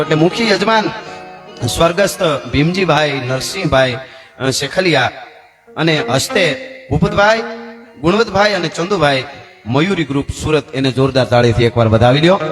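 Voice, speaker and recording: A man's voice: a little high, fairly bright tone. A man telling stories at a religious gathering, chatty and earnest, with asides. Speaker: folk storyteller at a religious gathering. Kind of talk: live stage talk at a dayro. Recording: live hall echo with faint music.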